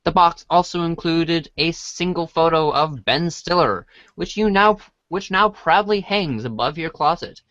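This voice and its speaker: In an unhurried, slightly high and fairly bright voice, a man narrates a comic as a read-along storybook. He reads informally and stumbles, and the dry, dull, band-limited recording carries no room sound.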